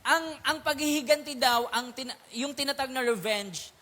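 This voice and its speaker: A man's voice: extremely high pitch, normal speed, sharp tone. A male pastor preaching a sermon at a prayer meeting, mixing in English words and checking if listeners are still with him. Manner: keeps asking if listeners are still there; mixes English words into speech.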